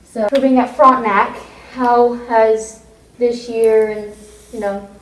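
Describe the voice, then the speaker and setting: Higher-voiced young woman interviewing, echoey and distant. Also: fairly even intonation, slow pace, a little hiss or hum. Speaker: student interviewer. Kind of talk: casual interview. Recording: echoey room, distant microphone.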